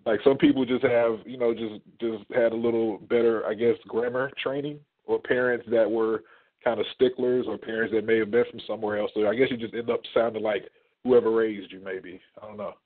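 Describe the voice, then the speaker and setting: A man in his thirties, raised in Atlanta, with a Midwestern accent, talking in a relaxed, easygoing way as a tattoo artist guest on a radio show. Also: on the low side, a little fast. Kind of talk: casual interview. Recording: tinny phone line.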